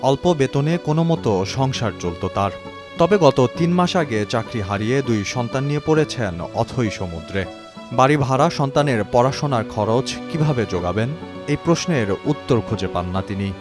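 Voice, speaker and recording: A man's voice: mid-range voice, expressive, normal speed, over music. A man with a Bangladeshi accent reading a scripted news report as a reporter.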